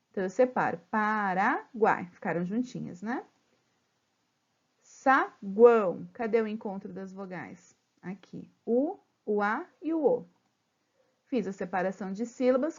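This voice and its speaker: A Brazilian woman teaching a remote grammar lesson to children, patiently spelling out syllables slowly and checking in often. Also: mid-range voice, darkish tone, highs cut off. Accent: Brazilian Portuguese.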